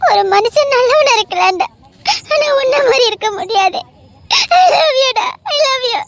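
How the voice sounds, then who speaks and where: A woman's voice: very high-pitched, expressive, normal speed. A woman voicing a fiercely devoted young wife who pleads in a tearful, vehement way. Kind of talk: dramatic audio story acting.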